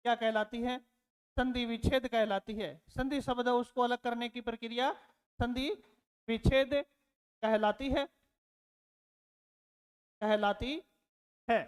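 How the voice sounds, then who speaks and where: High-voiced man teaching in an echoing room. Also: steady tone, unhurried, long pauses, smooth. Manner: repeats words and asks rhetorical questions; addresses learners fondly as children. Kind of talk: classroom lecture.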